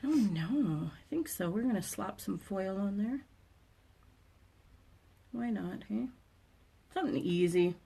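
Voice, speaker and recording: A woman's voice: medium pitch, measured pace, vocal fry, long pauses, slightly rough. Chatty woman doing nails on a live stream. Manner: relaxed, chatty, laughs often, mutters while working. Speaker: nail technician. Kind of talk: casual chat during live demo. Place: nail salon.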